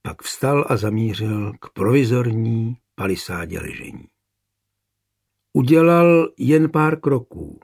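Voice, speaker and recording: A man reading a historical war story aloud as narrator, with even, measured storytelling. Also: mid-range voice, husky. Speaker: audiobook narrator. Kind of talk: scripted narration.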